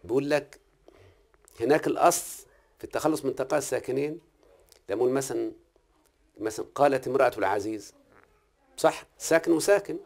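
A man's voice: mid-range voice, quick pace, gravelly, long pauses, a little mellow. A man with an Egyptian accent teaching recitation and grammar one-on-one, often stopping to ask whether his student understands. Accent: Egyptian Arabic. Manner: questioning, repeatedly checks the student understands.

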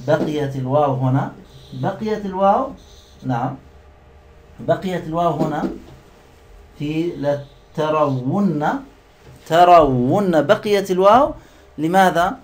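Male grammar teacher, slightly high voice, patient explainer, quizzes the class often and drags out example words. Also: slight background noise. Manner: patient, explanatory, quizzes students with repeated questions; stretches out example words slowly.

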